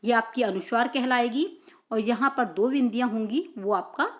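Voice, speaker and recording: A woman's voice: a little high, moderate pace. A woman teaching an exam-prep grammar lesson, repeating key terms and answering her own questions.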